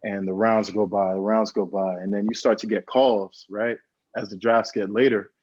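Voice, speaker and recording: Earnest young man with a flat, low voice. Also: moderate pace, no room sound. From United States. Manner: earnest, reflective, repeats phrases, says "bro" and "man". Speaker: guest, pro football player. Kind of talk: casual interview storytelling. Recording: dull, lo-fi dry sound.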